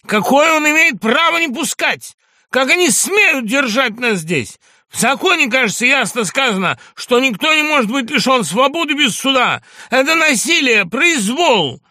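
A man voicing a frantic male asylum inmate in an audiobook, shouting in a hoarse, high voice. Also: expressive, moderate pace, dry recording, clean studio sound, heavily acted. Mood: furious. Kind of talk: audiobook reading.

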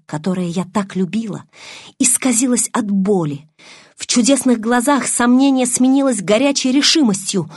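A woman's voice: fairly high pitch, breathy edge, no room sound. Female narrator for a first-person drama audiobook, emotive, close and dry.

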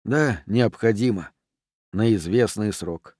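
A man narrating an audiobook in an even, unhurried reading voice. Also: on the low side, slightly rough, no room sound, clean studio sound.

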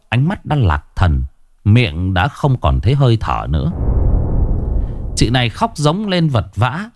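A man narrating a ghost story in an expressive, dramatic reading. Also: medium pitch, dry recording.

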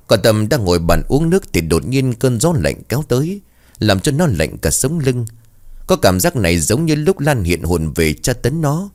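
A man's voice: fairly low pitch, a little mellow. A man narrating a ghost story in a dramatic reading style, voicing every character himself.

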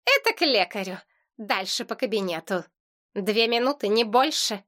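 A woman's voice: mid-range voice, animated, normal speed, fairly bright tone, natural voice. A woman voicing a stern, haughty fox-tailed nurse who lays down the rules, in an audiobook reading.

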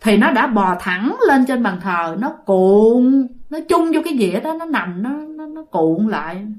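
A woman's voice: fairly high pitch, lively intonation, measured pace, a little mellow. A woman telling ghost stories, chatty, with many fillers and often addressing the listeners. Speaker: storyteller. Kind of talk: ghost story narration.

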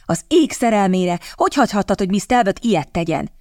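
A woman's voice: mid-range voice, animated, a little mellow, dry recording, clean studio sound, close to an everyday voice. A woman voicing a stern young nobleman and protective elder brother in an audiobook, speaking sharply. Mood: angry.

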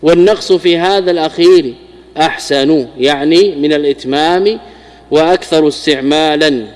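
A man's voice: fairly high pitch, moderate pace, a little mellow. Man teaching grammar in a reverberant hall. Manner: repeats and restarts words while explaining. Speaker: Islamic scholar teaching Arabic grammar. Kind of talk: classical grammar lesson explaining a commentary.

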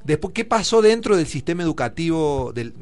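Argentine guy on a talk show, kinda high voice, walks through stats, lots of "este" and restarts. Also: very animated, brisk, darkish tone. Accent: Argentine Spanish. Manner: explains with many figures and fillers, thinks aloud. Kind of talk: explanatory discussion.

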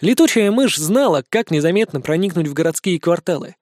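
Audiobook narrator: man, higher than average, even storytelling read, dry close studio sound. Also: brisk, no room sound.

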